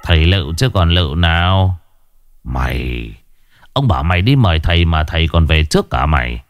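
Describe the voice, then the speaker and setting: A man puts on a scheming old village chief with a gruff, low, commanding voice. His speech swings widely in pitch as he bosses his servant. The sound is dry and close, with no room echo. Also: expressive, normal speed, soft background music. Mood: falsely jovial. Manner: commanding, gruff, falsely jovial.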